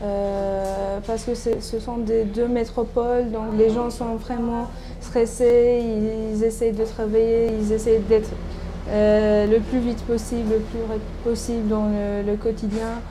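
In an interview, a doctoral student from Turkey, a woman in her thirties whose first language is Turkish, responds in a relaxed, halting way, restarting often and using many fillers. She speaks unhurriedly in a fairly high, flat voice, with noise in the background.

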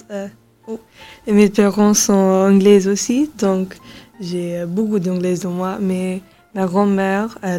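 A woman's voice: medium pitch, warm tone. Hesitant English teenage girl. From England. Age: teens. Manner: hesitant, halting French with many fillers. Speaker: guest. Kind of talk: radio interview.

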